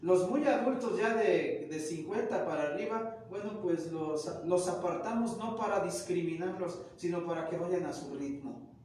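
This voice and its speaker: A man's voice: high-pitched, moderate pace, a little mellow, a little hiss or hum. A man teaching classical languages in a classroom lecture, methodically explaining grammar term by term. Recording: echoey room, mic far off.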